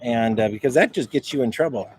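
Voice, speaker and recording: A man walking around outdoors on his property, casually showing things off to a handheld camera in a halting, rambling way that keeps repeating words. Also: mid-range voice, a little mellow, rough recording. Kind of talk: casual rambling show-and-tell. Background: faint wind noise.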